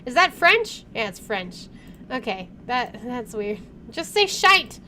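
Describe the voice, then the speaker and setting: Slow and sharp-toned, a woman with a voice on the high side swings widely in pitch as she reads a visual novel's narration and reacts casually. She hosts the playthrough with game music in the background and a touch of noise.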